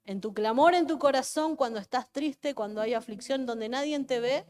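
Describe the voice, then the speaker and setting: A woman pastor with an Argentine Spanish accent delivers a fervent sermon at a church service, repeating phrases and putting questions to the congregation. Her voice sits high, at normal speed, with a darkish tone.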